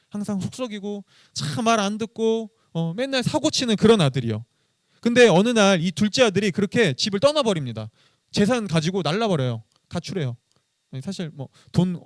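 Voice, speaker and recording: A man's voice: sits high, no echo, studio quality. A man preaching a sermon as pastor, telling a story with many rhetorical questions.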